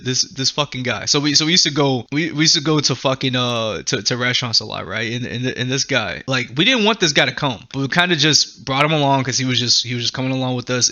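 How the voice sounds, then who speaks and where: Man, profane rambling anime commentary host, bright forceful tone, dull lo-fi sound. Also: mid-range voice. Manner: profane, rambling, laughs often. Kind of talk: casual anime commentary rant.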